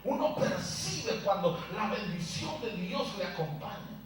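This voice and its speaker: High-voiced preaching man in echoey church. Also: very animated, unhurried. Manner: emphatic, repetitive preaching. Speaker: pastor. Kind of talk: sermon. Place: church sanctuary. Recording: echoey hall from far off with faint music.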